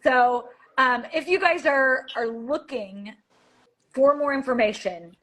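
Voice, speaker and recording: A bubbly woman hosts a casual live-stream chat. Her voice sits a little high, and she talks in a chatty, upbeat way with frequent laughter. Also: slow, a bit bright. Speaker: host of a live wellness chat.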